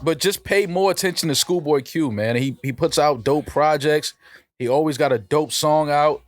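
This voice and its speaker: A man's voice: a little high, normal speed, no room sound. A man co-hosting a podcast in casual, slangy talk, repeating phrases for emphasis. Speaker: podcast co-host.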